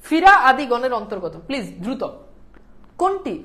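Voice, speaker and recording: A woman teacher delivers a grammar lecture in a fairly high voice. She drills each answer by repeating it and often stops to ask whether the class has understood. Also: sing-song, moderate pace, sharp tone. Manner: repeats key answers, asks the class if it is clear.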